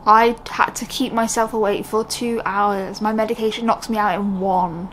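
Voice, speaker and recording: Here a young British vlogger addresses the camera casually and without a script, rambling candidly and often abandoning sentences partway. Her medium-pitched voice sounds fairly bright, with fairly even intonation and normal speed. Slight background noise can be heard.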